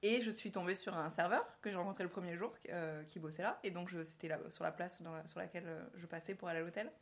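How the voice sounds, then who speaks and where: A woman's voice: lowish voice, fast talker. Chatty young woman hosting a podcast. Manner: lively storyteller, laughs often. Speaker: podcast host. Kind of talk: casual chat.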